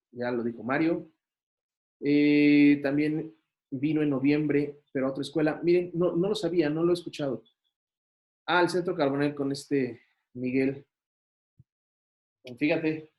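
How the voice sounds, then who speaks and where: A Mexican-accented man gives a university lecture in a loose, conversational way. His voice sits a little high for a man. He leans on fillers and keeps checking in with rhetorical questions. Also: a little mellow. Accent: Mexican Spanish. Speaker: university teacher. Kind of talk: online class lecture.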